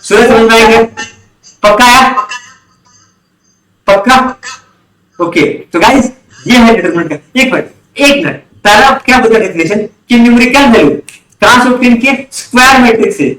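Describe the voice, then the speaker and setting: A man's voice: extremely high pitch, lively intonation, normal speed, long pauses, a bit bright, echoey room, low-quality recording. A man teaching an online commerce class, often quizzing students and repeating key terms. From India. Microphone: online class recording.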